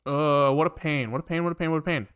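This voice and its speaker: A man with a fairly high, slightly bright, clean-toned voice talks fast as he live codes, thinking aloud casually. He mutters, repeats phrases and swears occasionally over the sound of keyboard typing and clicking.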